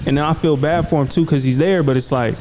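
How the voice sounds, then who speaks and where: A young podcast host from Des Moines, Iowa, talks fast in a slightly mellow, higher-pitched voice. His casual conversation is laid-back and slangy, full of "you know what I'm saying." The audio is poor, with slight background noise.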